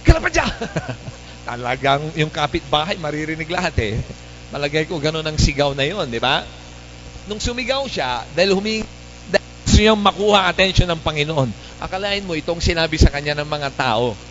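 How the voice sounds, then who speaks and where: Male pastor, animated church sermon, higher-pitched, dull recording. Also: a little hiss or hum. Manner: lively, calls out to the congregation for responses. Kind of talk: preached sermon. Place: church service.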